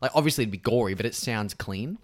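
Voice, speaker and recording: A podcast co-host with a lowish voice talks quickly and with lively intonation in a casual film chat. He swears and laughs while animatedly retelling scenes.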